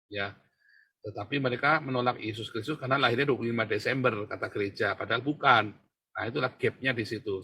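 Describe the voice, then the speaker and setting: A male pastor giving a provocative, mocking sermon. He keeps turning to address his listeners directly and jumps from loud outbursts to low murmurs. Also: slightly rough. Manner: constantly addresses listeners as brothers; leaps between shouting and low murmurs.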